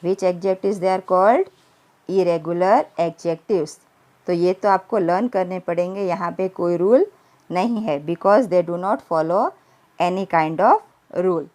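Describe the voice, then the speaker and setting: In this recorded grammar lesson, a woman who teaches English at primary school speaks slowly in a lowish, darkish voice. She switches between Hindi and English, spelling words one letter at a time. English is delivered slowly and deliberately, and the Hindi explanations are quicker.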